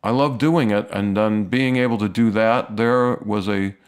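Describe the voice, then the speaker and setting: Man from the US, lowish voice, unhurried, casual interview talk, fillers. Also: clear, resonant tone. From United States. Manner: relaxed, hesitant with fillers. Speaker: guest musician. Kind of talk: casual conversation.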